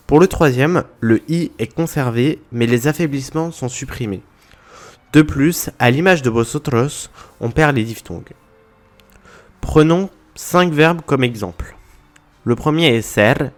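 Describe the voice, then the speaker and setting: Man explaining grammar step by step. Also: mid-range voice. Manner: methodical, spelling out examples. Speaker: language teacher. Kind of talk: explanatory language lesson.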